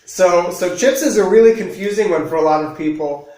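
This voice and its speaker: A man's voice: sits high, brisk, darkish tone, reverberant, low-quality recording. A man hosting a casual chat as an English teacher, curious and asking follow-up questions. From United States. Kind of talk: casual conversation.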